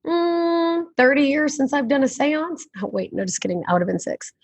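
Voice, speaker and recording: A woman in her thirties co-hosting a casual podcast, her voice hoarse from yelling, joking and laid-back. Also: high voice, big pitch swings, moderate pace, dry recording. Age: 30s. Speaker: podcast co-host. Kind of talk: casual chat.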